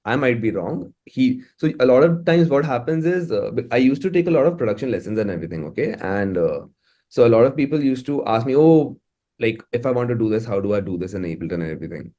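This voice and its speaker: Here a man with an Indian accent speaks at a medium pitch, quickly and warmly, his intonation lively. As a music producer in a casual interview, he chats effusively and conversationally.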